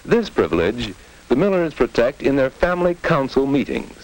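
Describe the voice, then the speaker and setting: A man's voice: mid-range voice, big pitch swings, moderate pace, darkish tone, poor audio. A man narrating a mid-century educational film in a scripted, instructive 1950s narrator style, addressing the viewer directly on a vintage soundtrack.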